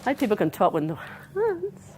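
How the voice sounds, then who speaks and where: An Australian trauma therapist gives a conference talk to counsellors, animated and talking with her hands as she acts out dialogue with clients. Her voice is medium-pitched at a normal speed, recorded on a clip-on mic rather than a handheld one, with a little hiss or hum.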